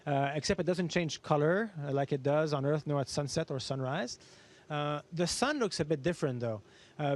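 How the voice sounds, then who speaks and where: A man with a fairly high-pitched voice speaks as an astronaut fielding questions. He explains things in simple terms, reaching for everyday comparisons in an educational style. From Canada. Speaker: astronaut guest answering students. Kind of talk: educational question-and-answer talk.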